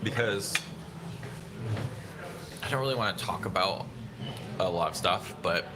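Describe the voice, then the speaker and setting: The recording is very noisy: phone audio from a packed restaurant with crowd chatter everywhere. Through it, a low-pitched San Diego man in his 30s hosts a livestream at an unhurried pace, rambling casually and answering chat.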